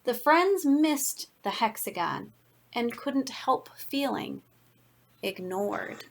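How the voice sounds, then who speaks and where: Woman reading a kids book out loud, really slow n expressive, kinda high voice. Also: creaky, slight background noise. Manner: deliberate, expressive, dramatic emphasis for young listeners. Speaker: teacher reading a picture book aloud. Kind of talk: read-aloud children's storytelling.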